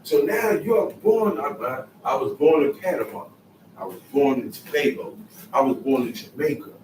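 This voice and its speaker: A man's voice: on the high side, animated, normal speed, darkish tone, slight background noise. A man giving a Sabbath scripture lesson, emphatic and repetitive, in casual street phrasing. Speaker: Bible teacher. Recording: echoey room, mic far off, faint ambience.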